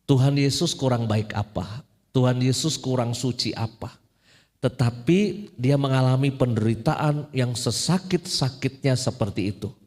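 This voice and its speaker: A man's voice: mid-range voice, measured pace, darkish tone. A man preaching a casual, joking sermon as a priest, slipping in English phrases. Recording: long hall reverb.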